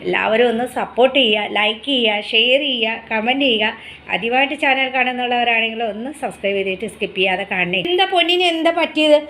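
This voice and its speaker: A woman's voice: fairly high pitch, fast talker, bright, forceful tone, a little hiss or hum, poor audio. A woman vlogging casually about her pet dog, chatty and explaining things step by step, switching to coaxing baby talk with the dog. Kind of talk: casual vlog narration.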